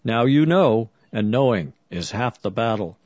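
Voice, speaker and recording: A man hosting a radio show, introducing a speaker and closing the episode in a calm, measured voice. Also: medium pitch, very noisy. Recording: slightly muffled radio audio.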